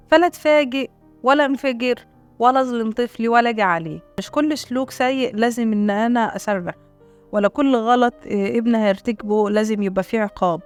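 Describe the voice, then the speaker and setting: A young adult woman with an Egyptian accent giving a spoken parenting lesson, explaining gently and acting out calm talks with a child. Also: fairly high pitch. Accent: Egyptian Arabic. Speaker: parenting coach.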